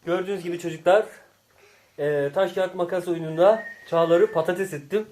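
A man's voice: high-pitched, fairly even intonation, moderate pace, darkish tone, a little hiss or hum. A man, a father hosting a casual family vlog, teasing playfully and calling out game scores with bursts of laughter. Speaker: father and channel host.

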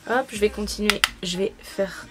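A woman's voice: medium pitch, normal speed, loud music behind the voice. A young adult woman talking casually through a makeup tutorial as a beauty vlogger, with frequent fillers. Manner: chatty, many fillers.

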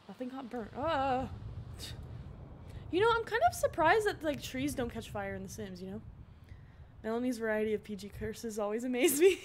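A young woman talks to her stream from home, excitable and chatty, reading her chat aloud between reactions to the game. Her voice sits high and swings widely in pitch. She sounds close on a headset mic. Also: a little hiss or hum. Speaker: Twitch streamer. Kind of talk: casual gameplay streaming chat.

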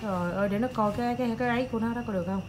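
A mother chatting with her small child in a home vlog, animated and coaxing, with English words mixed into her talk. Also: fairly high pitch, racing, a little hiss or hum. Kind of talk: casual home vlog chat.

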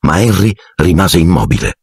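Deep, husky male audiobook narrator. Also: moderate pace, no echo, studio quality. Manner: expressive, theatrical reading.

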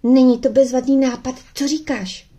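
A woman's voice: high-pitched, steady tone, warm tone, husky. A woman reading an audiobook voices a stubborn, indignant young girl who sulks and flares up. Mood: determined. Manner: sulky, indignant.

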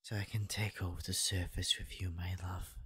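A man playing a possessive, lovestruck devil prince in an ASMR role-play, with a breathy demonic soft voice, coaxing and menacing. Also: low voice, level tone, dry recording, heavily acted. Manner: slow, intimate demonic soft voice, coaxing with veiled threats. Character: possessive young male devil prince, obsessively in love, menacing.

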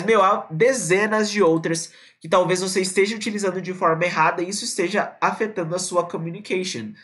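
Brazilian guy doing a live english class, super casual, says words slow and over again. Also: high-pitched, fairly bright tone. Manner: casual, chatty, repeats words and models pronunciation slowly. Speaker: English teacher. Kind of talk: live online English lesson. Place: indoors at a computer, streaming live.

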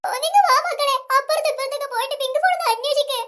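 A voice actor playing several family characters in a comic sketch, wailing and bickering melodramatically. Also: female voice, very high-pitched, very fast, a bit bright.

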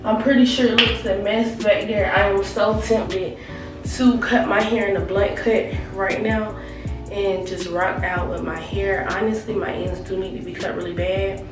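A woman's voice: medium pitch, fairly even intonation, moderate pace. A young woman who sounds under the weather, chatting casually and informally to the camera in a hair tutorial. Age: young adult. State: sick, with an affected voice. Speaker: natural hair vlogger. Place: small tiled home bathroom, indoors. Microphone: camera mic a short distance away. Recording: echoey bathroom, distant mic, music behind.

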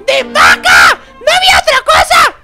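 A performer voicing Bebe Timo, an excitable, dramatic baby boy with squeaky, shrieking outbursts, in a Minecraft role-play. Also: moderate pace, over music, a crowd in the background. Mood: excited. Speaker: host.

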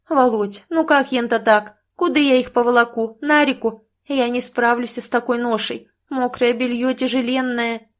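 A woman's voice: on the high side, fairly even intonation, moderate pace, few pauses, pitched above the performer's own voice, lightly acted. Woman doing a plaintive young wife. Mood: pleading. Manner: pleading, plaintive. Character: tired young village wife and mother, aggrieved.

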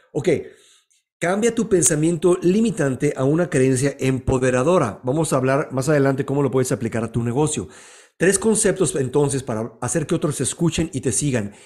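A man's voice: a little high, darkish tone. A man hosting a live motivational coaching stream, talking energetically and greeting viewers by name as he teaches.

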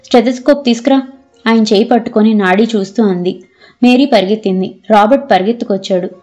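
A woman narrating an audio novel in a steady storytelling manner. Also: mid-range voice, a little fast. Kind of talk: scripted narration. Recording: slightly dull audio.

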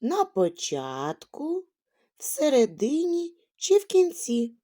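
A woman teaching a lesson to small children, asking questions and reciting little rhymes in a drawn-out, sing-song way. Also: high voice, wildly swooping pitch, dark tone. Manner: questioning, drawn-out words, rhyming verses. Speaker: kindergarten teacher.

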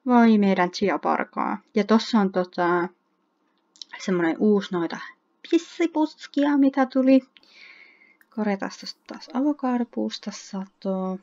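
A woman giving casual let's-play commentary, chatting to viewers, reading game text aloud and letting out excited shrieks. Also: mid-range voice, muffled recording. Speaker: gaming YouTuber.

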